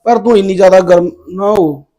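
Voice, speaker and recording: Torn young husband, placating and pleading, high voice, played by an actor. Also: male voice, steady tone, a little fast, mellow, natural voice. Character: young husband caught between wife and mother. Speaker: husband and son. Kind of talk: Punjabi family drama acting.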